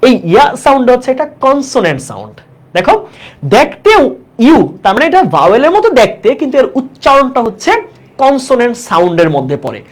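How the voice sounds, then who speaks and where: Woman teacher, exam-prep grammar lesson, lively rising and falling voice, fairly high pitch, constant check questions to the class. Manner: repeats key words slowly for emphasis. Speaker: English teacher.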